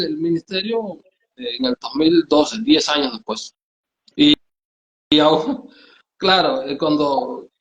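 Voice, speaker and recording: A man with a Cuban accent, a pastor telling his story in an interview, halting and repeating words as he goes. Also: fairly high pitch, a bit bright, reverberant. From Cuba. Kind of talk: testimony in a conversational interview.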